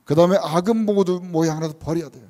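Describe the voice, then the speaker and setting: In a church sanctuary full of long reverb, a church elder with a notably high, darkish voice preaches earnestly and talks fast. He presses his points with strings of rhetorical questions and acts out what parents say to their children.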